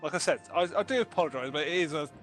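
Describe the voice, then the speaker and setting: A man's voice: a little high, very fast, a bit bright, soft background music. A man running a tabletop game as dungeon master, hesitant with fillers.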